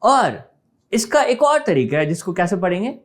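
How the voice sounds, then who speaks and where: A man's voice: sits high, big pitch swings, moderate pace. A male maths teacher giving an online class, explaining step by step, mixing English terms into Hindi, and keeping on asking whether students have understood.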